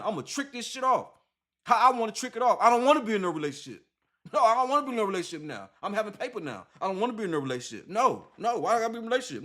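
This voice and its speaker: A man's voice: very high voice, bright, forceful tone. A young man talking off the cuff in an interview, emphatic and repetitive, with heavy slang and profanity. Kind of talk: casual unscripted monologue.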